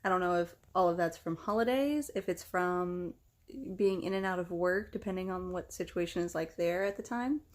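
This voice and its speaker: Speaking at a moderate pace in a lowish voice, this young adult vlogger from the United States chats candidly about herself. Her tone is casual, conversational and self-deprecating.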